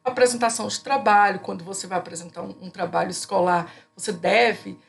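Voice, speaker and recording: A woman, giving a recorded class lecture in an explanatory way, often pausing on fillers and restarting her sentences. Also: mid-range voice, vocal fry. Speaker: teacher.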